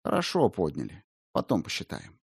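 A man voicing a calm, firm young man who talks coolly and insistently. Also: sits low, fairly quick, vocal fry, breathy edge, dry recording, studio quality, full character voice.

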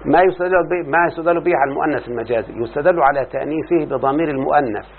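A man's voice: fairly high pitch, racing. A man with an Egyptian accent teaching a classroom lesson on grammar, reading from a text, explaining it and often checking whether his student follows. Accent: Egyptian Arabic. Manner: explains then quizzes the student with repeated checks. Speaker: teacher of Arabic morphology. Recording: tinny lo-fi recording with faint hiss.

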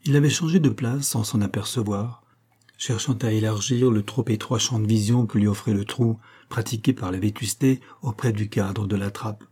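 Narrateur de livre audio, conte dramatique, timbre sombre et feutré. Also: male voice, lowish voice, steady tone, normal speed, mellow, slightly rough. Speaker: audiobook reader. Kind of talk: audiobook narration of a crime novel.

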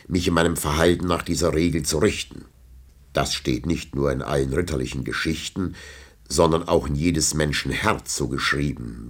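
A man's voice: sits low, voice pushed up, heavily acted. A man voicing a stern old nobleman who lectures in a solemn, sermonizing way in an audiobook.

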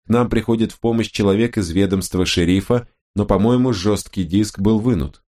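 A man voicing a brisk, businesslike woman detective who speaks precisely and officiously. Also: lowish voice, warm tone, lightly acted.

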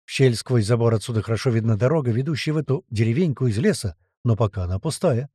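Expressive male audiobook narrator. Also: mid-range voice, fast, slightly rough, dry recording, clean studio sound. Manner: expressive, colloquial storytelling. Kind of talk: first-person scripted narration.

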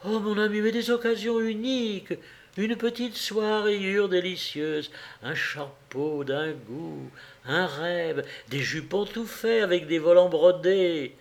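A man's voice: high-pitched, expressive, unhurried, few pauses, darkish tone, voice pushed up. Séverine, a man voicing an eager young wife. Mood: excited. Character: lively young wife, playful and excitable. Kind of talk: audiobook character reading.

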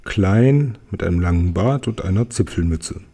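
Storybook reader: man, calm read-aloud voice, dark and husky. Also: sits low, moderate pace. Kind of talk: reading a children's book aloud.

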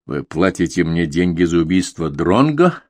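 Hoarse cold hitman guy, slow and deliberate, low voice, a man reading him. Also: dry recording, clean studio sound. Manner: calm, terse, deliberate. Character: cool, stubborn male hired killer.

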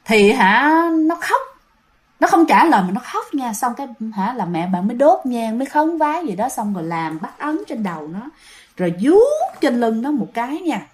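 A woman's voice: fairly high pitch, very animated, normal speed. A woman with a Southern Vietnamese accent telling ghost stories in a chatty way, often repeating herself and speaking directly to listeners. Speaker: storyteller host. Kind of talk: casual ghost story telling.

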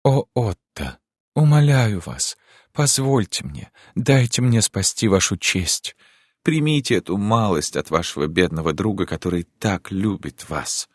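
A man's voice: sits low, expressive, moderate pace, no room sound, clean studio sound, pitched above the performer's own voice. A man voicing a passionate noble countess in an audiobook reading, speaking in a dramatic, impassioned, imploring way.

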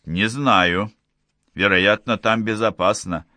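A man's voice: on the low side, fairly even intonation, slow, pushed and bright, no room sound, studio quality. A man voicing a skeptical male scientist who sounds short of breath, in an audiobook.

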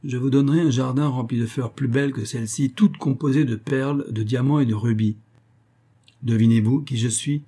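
Man reading as a coaxing, boastful underworld king in a storybook, raised voice, mellow and husky tone. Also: medium pitch, fairly even intonation, fairly quick. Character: smooth, possessive male king of the underworld.

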